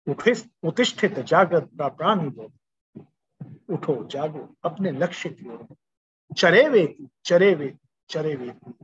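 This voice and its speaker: An older man giving a spiritual discourse, repeating his calls to rise in chant-like refrains. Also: a little high. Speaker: spiritual speaker. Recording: dull lo-fi recording.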